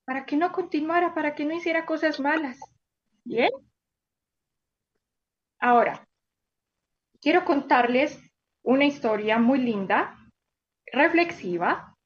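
A woman teacher telling a story to children, animated and exclamatory, asking them questions as she goes. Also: high voice, measured pace, pauses often, highs cut off.

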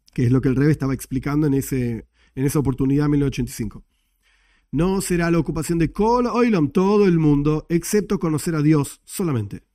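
A man's voice: on the high side, dark tone, dry recording, studio quality. A man teaching a religious study class from slides, explaining emphatically and asking rhetorical questions.

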